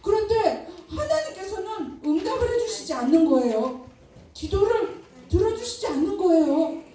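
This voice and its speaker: A woman's voice: extremely high pitch, normal speed. A woman teaching Sunday school, telling a Bible story to children, acting out the characters' words and asking the children questions. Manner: animated, acts out prophet's and God's words, asks children questions. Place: church hall. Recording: very echoey church hall, distant mic.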